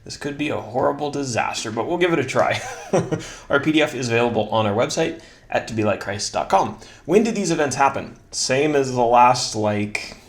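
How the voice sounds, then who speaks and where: A man giving a casual Bible study lesson in a relaxed, self-deprecating way, joking about his own slips. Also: medium pitch. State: slightly out of breath.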